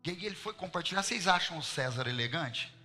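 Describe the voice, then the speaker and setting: Bright-voiced Mineiro preacher in a church. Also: male voice, a little high, fast, long reverb tail, faint music behind. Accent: Mineiro (Minas Gerais) Portuguese. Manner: lively storyteller, asks the congregation questions. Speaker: apostle preaching to his congregation. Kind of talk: sermon told as a personal story.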